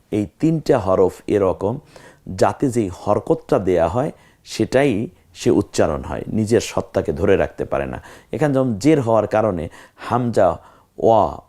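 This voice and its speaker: A man teaching Arabic letter pronunciation in a lesson, drawing out each sound slowly and repeating it to demonstrate. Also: on the low side, darkish tone. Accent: Bangladeshi Bengali. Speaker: Quran recitation teacher. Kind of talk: online tajweed lesson.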